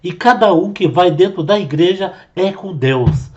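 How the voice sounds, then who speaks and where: Higher-pitched man giving earnest religious commentary. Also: unhurried, darkish tone. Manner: earnest, preacherly, addressing fellow believers. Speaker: host commenting on testimonies. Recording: dull lo-fi sound with faint music. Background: faint music.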